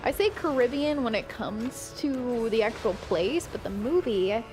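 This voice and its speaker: Woman, fairly high voice, giggly, casual stream chat, faint music behind. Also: animated, normal speed. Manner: giggly, laughs often. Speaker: guest streamer.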